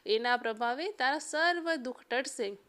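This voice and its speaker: A woman's voice: high-pitched, lively intonation, normal speed, fairly bright tone. A woman voicing a solemn male god who gives instructions and boons. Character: the god Shiva, solemn, commanding male deity.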